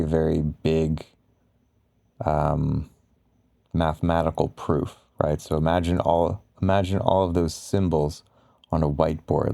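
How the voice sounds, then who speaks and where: A man with a very low, dark and mellow voice talks slowly, as in bedtime pillow talk for ASMR. He rambles casually through explanations, pausing often. The delivery stays flat and relaxed. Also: creaky, no room sound, studio quality. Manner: halting, rambling, casual explaining with frequent pauses. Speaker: ASMR content creator.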